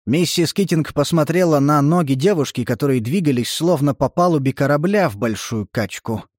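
A male audiobook narrator reading literary prose in a measured, even way. His voice sits slightly higher than most men's. The recording is dry and close, with no room sound. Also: no room sound.

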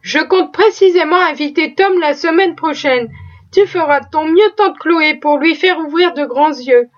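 A woman's voice: sits high, unhurried. A woman voicing a cheerful, teasing teenage boy who talks in a playful, boastful way. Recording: slightly dull lo-fi recording.

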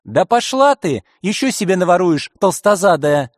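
A man's voice: high-pitched, very animated, moderate pace, darkish tone, slightly rough, dry recording, studio quality, voice pushed up, heavily acted. A man voicing a cocky, rude young male robber in an audiobook, whiny and insolent.

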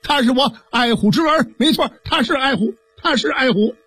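A man voicing a shrewd, quick-witted middle-aged hero who talks briskly and commandingly. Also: very high voice, fairly bright tone, breathy edge, no room sound, pitched above the performer's own voice, exaggerated voice. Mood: puzzled.

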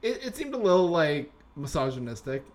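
On the high side and sing-song, this young man's voice moves fairly quickly as he co-hosts a podcast. He chats casually and rambles, with plenty of fillers and restarts.

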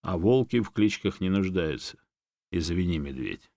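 A man voicing a noble, greying male wolf in a storybook reading, calm and dignified. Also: deep voice, moderate pace, dry recording, studio quality. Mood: proud.

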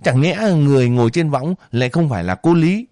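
A man's voice: on the high side, animated, a little fast, dark tone, no echo, clean studio sound, pitched above the performer's own voice, natural voice. A man reading a story voices a male soldier who presses hard with accusing questions. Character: accusing male army comrade, sneering and righteous.

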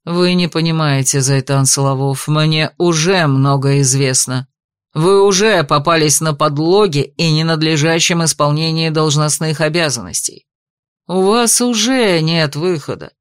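A woman voicing a stern, menacing male investigator in an audiobook, speaking low and commanding. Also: a little slow, smooth, no room sound, studio quality. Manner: growling, commanding.

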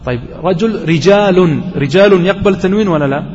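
A man teaching a grammar lesson, explaining slowly and putting questions to the class that he then answers himself. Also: fairly high pitch, darkish tone. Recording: dull recording with long hall reverb.

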